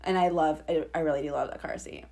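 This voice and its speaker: A woman's voice: sits low, steady tone, fast talker, vocal fry, over a noisy crowd. A young woman co-hosting a podcast, chatting casually in an upbeat, enthusiastic way with plenty of fillers. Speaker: podcast co-host. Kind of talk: casual chat.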